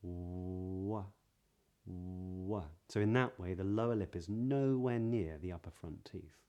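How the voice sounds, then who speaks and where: A man's voice: lowish voice, expressive, normal speed, warm tone. A man with a Southern British accent, teaching pronunciation as a voice coach with careful, precise articulation. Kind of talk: pronunciation lesson.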